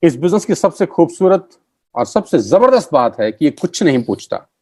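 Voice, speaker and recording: A middle-aged man gives a motivational sales pitch as a network marketing trainer. He stresses and repeats key phrases. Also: big pitch swings, normal speed, darkish tone, dry recording, studio quality.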